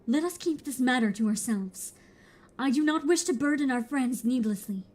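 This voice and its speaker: A woman's voice: high voice, expressive, moderate pace, a little mellow. A woman voicing an earnest, formal young male scholar who speaks in archaic phrasing.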